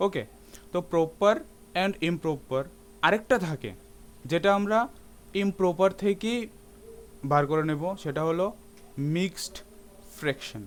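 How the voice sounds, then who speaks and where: A man's voice: fairly high pitch, a little slow, pauses often. A man teaching a math lesson in a classroom-lecture style, often asking his students rhetorical questions and slipping English terms into his speech.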